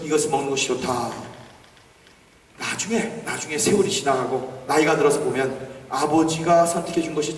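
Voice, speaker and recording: Older male pastor, passionate sermon delivery, echoey sanctuary sound. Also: on the high side. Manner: fervent, rising to shouts, calls for amens. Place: church sanctuary. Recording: echoey hall, distant mic.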